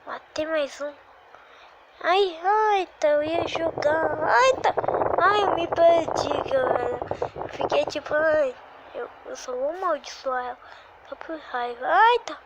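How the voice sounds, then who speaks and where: A woman talks through her gameplay in a high voice, breaking into little cries and sighs as things happen. She speaks in an unhurried way despite the excitement, and the home recording carries a clear layer of background noise. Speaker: gaming video creator. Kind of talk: live gameplay commentary.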